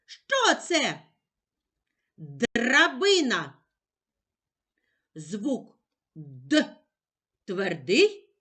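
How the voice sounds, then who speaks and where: Speaking with a Ukrainian accent, a female teacher runs a slow, clear reading lesson for small children, stretching out sounds and patiently posing questions she then answers herself. Her voice is fairly high and fairly bright.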